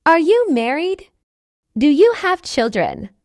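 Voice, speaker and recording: A woman reading a friendly learner's part in a scripted practice dialogue for English learners, speaking slowly and carefully enunciating each line. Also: high-pitched, big pitch swings, darkish tone, dry recording, clean studio sound, heavily acted. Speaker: dialogue reader.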